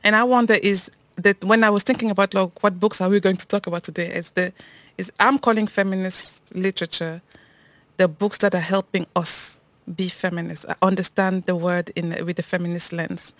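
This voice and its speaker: A woman from Cameroon co-hosts a podcast that feels like a casual conversation between friends, speaking reflectively with frequent restarts and hesitations. Her voice is fairly low, steady, fairly quick and a bit bright, in a dry recording.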